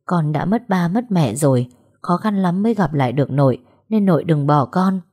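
A woman's voice: lowish voice, expressive, normal speed, darkish tone, husky. A woman voicing a timid young woman, an orphaned granddaughter, speaking tearfully. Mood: pleading. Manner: pleading, tearful.

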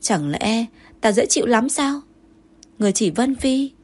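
A woman voicing a proud, jealous young consort who answers in sharp, indignant retorts, with a breathy voice. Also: on the high side, expressive, measured pace. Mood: accusing.

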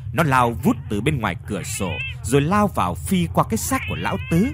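A man reading a horror story aloud in a dramatic, measured way. His pitch swings widely through the lines, with faint background noise. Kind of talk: scripted horror story narration.

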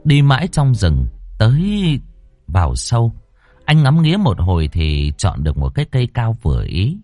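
A man narrating a ghost story in a dramatic, expressive reading style. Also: mid-range voice, moderate pace, dry recording, soft background music.

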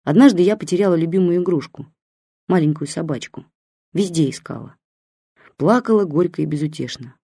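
Calm female audiobook narrator, mellow dark tone, dry studio sound. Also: on the low side, fairly quick, creaky, slightly rough, no room sound. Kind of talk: first-person story narration.

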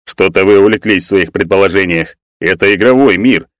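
A man's voice: sits low, brisk, dry recording, clean studio sound, lightly acted. A man reading the lines of a stubborn, skeptical male companion in an audiobook, in a scoffing, dismissive way.

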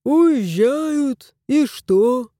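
A woman voicing a lazy, smug, spoiled male house cat in a storybook, drawling slowly. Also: high-pitched, lively intonation, warm tone, dry recording, clean studio sound, exaggerated voice.

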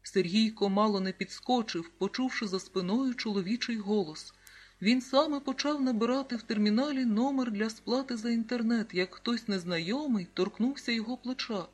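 Audiobook narrator for a children's story, calm and even, mid pitch. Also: normal speed, breathy edge. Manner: calm, even storytelling, reading out page numbers. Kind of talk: scripted narration of a children's book.

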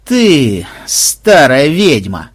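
A man's voice: fairly high pitch, lively intonation, measured pace. A man doing a rude, boastful young pilot. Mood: aggressive. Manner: insulting, boastful. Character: rude, hot-headed young male pilot.

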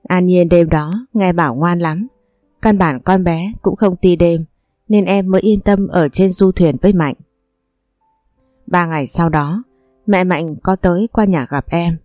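A woman narrates a first-person story in a low, mellow voice, reading every character's lines herself. The recording is dry and close, with soft music playing faintly underneath. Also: steady tone, unhurried, no room sound. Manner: reads every character's lines in her own voice.

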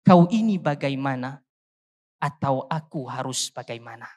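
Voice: mid-range voice, unhurried, a little mellow, a little hiss or hum. A convention panel speaker, reciting a poem with declamatory, rhetorical rises and falls before giving closing remarks. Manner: declamatory, rhetorical rise and fall. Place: large convention hall. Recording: long hall reverb.

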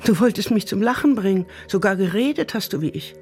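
A woman's voice: medium pitch, lively intonation, fairly quick, darkish tone, soft background music, natural voice. A woman playing a lonely, half-paralyzed aging mother in a radio drama, pleading with her returned son. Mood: bitter pleading. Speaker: mother figure in a radio play.

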